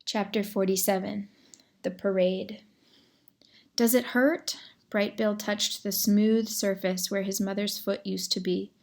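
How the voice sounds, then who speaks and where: A woman reading a children's novel aloud as narrator, measured and expressive, sometimes addressing the reader directly. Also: mid-range voice, creaky.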